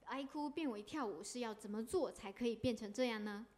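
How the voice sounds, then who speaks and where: Woman interpreter, sermon, phrase by phrase, fairly high voice. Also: a little slow, a little mellow. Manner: fluent, with fillers and restarts.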